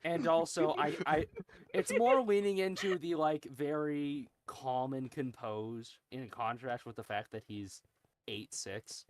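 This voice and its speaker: A man's voice: fairly high pitch, unhurried, a little hiss or hum. A man chatting casually with friends during a game, often restarting his sentences. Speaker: game player. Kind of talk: casual gaming chat.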